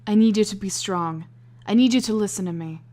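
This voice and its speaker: A woman reading aloud, voicing a protective young man who gives firm, steady instructions. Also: mid-range voice, normal speed, lightly acted.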